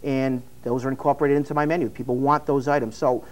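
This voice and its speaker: Young Italian-born restaurateur, male, quick and rambling, average pitch. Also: fairly even intonation. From Italy. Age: 20s. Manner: eager, rambling, many restarts and "you know"s. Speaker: restaurant owner and chef. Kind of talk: TV interview guest.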